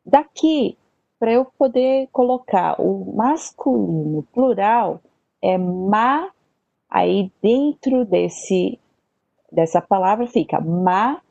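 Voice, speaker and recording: Slow, patient woman teaching Hebrew. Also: mid-range voice, lively intonation, gravelly, warm tone, no echo, lo-fi sound. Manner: patient, repeats syllables and checks with "tá? ok?". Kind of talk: slow classroom explanation.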